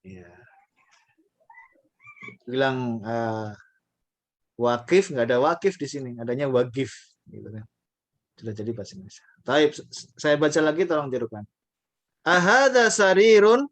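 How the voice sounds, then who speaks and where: A man teaching a casual online language lesson, patiently repeating phrases slowly for learners to copy. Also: mid-range voice.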